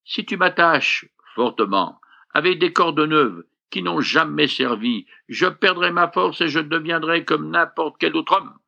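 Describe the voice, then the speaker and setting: A man voicing a proud strong man who answers in a steady, declaring tone. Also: a little high, a little slow, gravelly, lo-fi sound, pitched above the performer's own voice, heavily acted.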